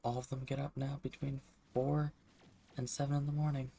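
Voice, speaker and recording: A streamer of unclear sex chatting casually over a game, speaking low and hushed so as not to disturb roommates. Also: level tone, moderate pace, slightly rough.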